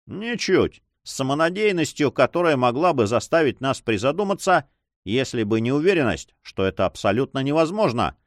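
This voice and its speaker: A man's voice: mid-range voice, very animated, normal speed, dry recording, studio quality, pitched above the performer's own voice, natural voice. A man voicing a self-satisfied, swaggering Spanish coast guard captain in an audiobook. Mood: boastful.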